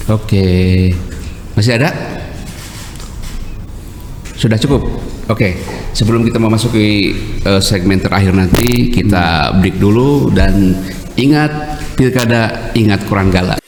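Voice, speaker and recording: A man's voice: on the low side, slow pace, pauses often. A man with a Sundanese accent hosting a casual interview, joking and laughing easily. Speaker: talk show host. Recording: echoey room with long reverb, background hiss.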